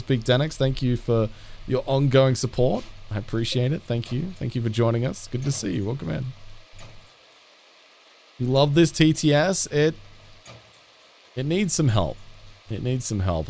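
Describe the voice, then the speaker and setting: A man's voice: mid-range voice, darkish tone. A chatty man streaming a game live, talking to chat with a self-deprecating manner.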